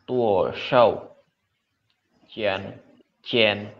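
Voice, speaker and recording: A man working through reading practice as a student, slow, hesitant and careful as he repeats each word. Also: fairly low pitch, lo-fi sound. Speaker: language student.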